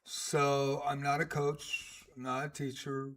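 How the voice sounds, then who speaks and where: A man's voice: medium pitch, level tone, slow pace, a bit bright. Chatty older man calling chess games. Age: 60s. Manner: chatty and rambling, with many uh fillers. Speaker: chess streamer and commentator. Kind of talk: casual live-stream chess commentary.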